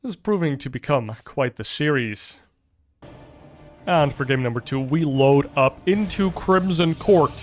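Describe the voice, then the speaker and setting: Excitable male esports caster. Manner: excitable, jumps up in pitch at big fights. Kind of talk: solo play-by-play commentary.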